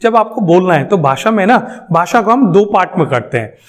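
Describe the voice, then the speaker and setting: A man teaching English lectures with emphasis in a high-pitched, expressive voice, neither fast nor slow. He poses questions and supplies the answers, repeating key points along the way.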